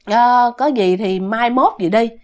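A woman's voice: on the high side, unhurried, a little mellow, lightly acted. A woman voicing an older man who owns a granary and. He speaks in a brusque, dismissive way, full of hesitations. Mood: gruff. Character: gruff older man, stingy granary owner.

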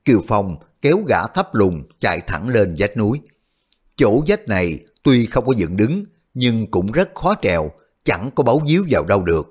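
A man narrating a martial-arts novel aloud as a steady storyteller. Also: on the low side, normal speed, slightly rough. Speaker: audiobook narrator.

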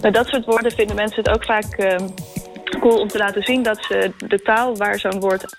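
Calm woman explaining language. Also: medium pitch, normal speed, faint music behind. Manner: calm, explanatory, searching for words. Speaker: linguistics lecturer as phone guest. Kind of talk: expert interview.

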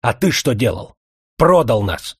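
A man's voice: mid-range voice, very animated, measured pace, husky, dry recording, clean studio sound, exaggerated voice. A man voicing a strong, stern blast-furnace worker who talks bluntly in plain folksy speech, in an audiobook. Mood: heated.

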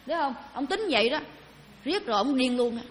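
Her voice is high, animated and fairly quick as she leads a dharma talk in a reverberant hall. The Buddhist teacher talks with the crowd in an easy, conversational way and questions them as she goes.

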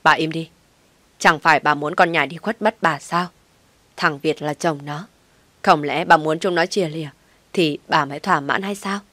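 A woman voicing a stern, quiet older father who raises his voice in anger in an audiobook story. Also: deep voice, steady tone, moderate pace, no room sound. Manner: stern, weighty, shouting when angry. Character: stern, taciturn older father, rarely speaks.

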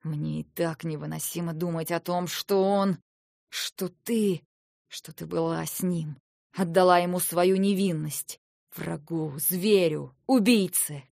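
A woman voicing a cold, possessive husband of an ancient race, speaking low and menacing with a hiss in his voice. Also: fairly even intonation, takes it slowly, vocal fry, darkish tone, no room sound, studio quality. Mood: hissing anger. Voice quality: hissing, menacing.

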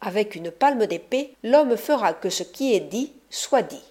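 A woman's voice: mid-range voice, lively intonation, a little slow, warm tone. A woman reading an audiobook, voicing a proud, hot-tempered male ruffian who boasts and threatens. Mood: blustering.

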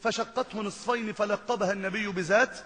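A man with an Egyptian accent delivers a sermon as a lively story, pressing hard on key lines and rising to loud exclamations. His voice sits very high and rings bright and forceful. A long reverb hangs after his words, as in a large prayer hall. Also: a little fast. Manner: animated, emphatic storytelling that swells into loud exclamation. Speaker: imam and preacher.

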